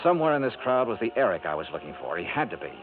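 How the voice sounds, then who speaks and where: Racing along in a lowish, sing-song voice, an American man acts the wry, brooding lead detective and narrator of a 1950s radio noir, a dogged insurance investigator with clipped, dry delivery. Music plays behind the tinny old radio sound.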